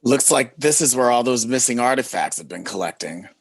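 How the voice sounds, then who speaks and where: A man's voice: mid-range voice, lively intonation, brisk, slightly rough. A man reading the part of a young woman recruit in a live script reading, with a dry, offhand delivery. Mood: wry.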